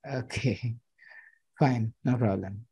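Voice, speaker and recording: A Bangladeshi freelance digital marketer pitches to a client on a video call through a headset, from a small indoor room. His voice is gravelly, mellow and slightly rough over lo-fi sound, and he speaks haltingly with many fillers and restarts.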